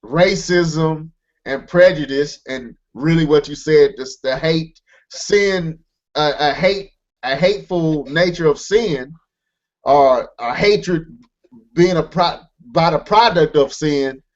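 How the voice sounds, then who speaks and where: A man's voice: fairly high pitch, slow pace, muffled recording. A man co-hosting a podcast, talking earnestly and emphatically in casual chat, circling back with restarts. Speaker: podcast co-host.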